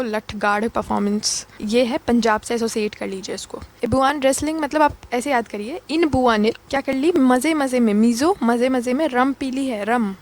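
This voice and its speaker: A woman teaching an exam-prep lecture with a voice that sits a little high. She is playful and repetitive, firing off questions and answering them herself as she builds memory tricks. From Uttar Pradesh. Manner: playful, repeats key words, asks and answers her own questions.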